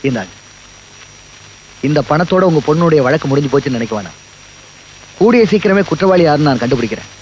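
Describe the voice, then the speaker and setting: Male actor as a commanding village headman, quick firm orders, high voice, faint hiss. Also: animated, darkish tone, natural voice, poor audio. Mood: solemn. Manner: commanding, measured speech. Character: stern, generous village headman. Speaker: film actor.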